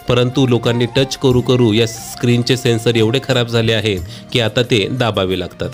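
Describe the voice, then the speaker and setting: A man in his thirties giving a scripted, deadpan comic voice-over for a travel vlog. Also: mid-range voice. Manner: deadpan wry humor.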